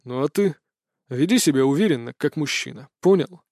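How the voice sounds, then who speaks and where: An irritable aristocratic father, voiced by a male reader in an audiobook, blustering and then coldly threatening. The voice sits somewhat higher than usual for a man. The recording is close and dry. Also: lively intonation, a little fast, a little mellow, dry recording, close to an everyday voice. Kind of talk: audiobook character voice.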